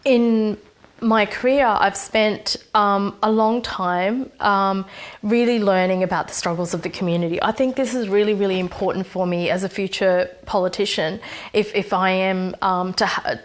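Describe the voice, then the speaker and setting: A young woman from Fiji, a program manager, giving a hesitant, earnest talk from home with many pauses and fillers. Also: mid-range voice, fairly even intonation. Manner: hesitant, many ums and restarts. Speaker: social impact program manager. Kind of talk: recorded personal talk from home.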